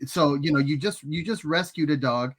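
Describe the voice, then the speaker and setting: Guy hosting a podcast, keeps repeating his questions, voice a bit high. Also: moderate pace. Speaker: podcast host. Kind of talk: casual interview.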